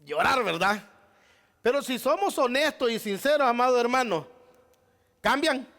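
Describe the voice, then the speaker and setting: A man's voice: very high voice, expressive, normal speed, fairly bright tone. A male pastor preaching a sermon, asking rhetorical questions and addressing the congregation as beloved brother.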